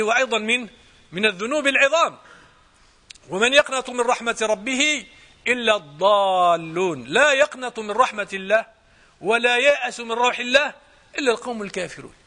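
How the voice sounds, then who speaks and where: Man, Moroccan accent, Quran exegesis lesson, bright forceful tone, explanatory and repetitive. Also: sits high. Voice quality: slows into measured recitation for verses. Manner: explanatory, repeats and restarts phrases. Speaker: Quran teacher.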